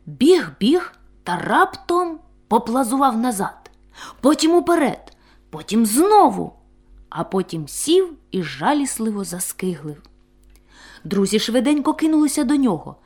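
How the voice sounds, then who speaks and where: Woman reading a kids story, slow and sing-songy, a bit high. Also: slightly rough. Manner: expressive, sing-song.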